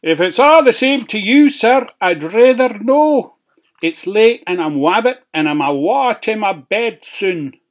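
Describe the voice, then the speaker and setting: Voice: mid-range voice, lively intonation, measured pace, pitched above the performer's own voice, lightly acted. A narrator voicing a grumpy, cocky little pig in a Scottish storybook tale, talking back defiantly. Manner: defiant and cheeky.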